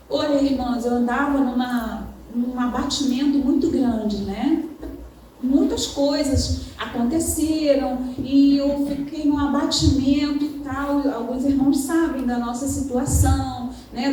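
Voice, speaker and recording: A woman's voice: high voice, dark tone. A woman preaching a sermon in a church, talking conversationally and often addressing the congregation as brothers. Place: church hall. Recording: echoey hall from far off, faint noise.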